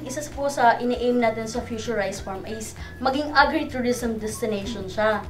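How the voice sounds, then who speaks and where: A woman's voice: fairly high pitch, normal speed, soft background music. A woman in her twenties with a Filipino accent, a research specialist explaining a program in Tagalog and English. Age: 20s. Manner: mixes Tagalog and English, many restarts. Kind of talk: casual explanation.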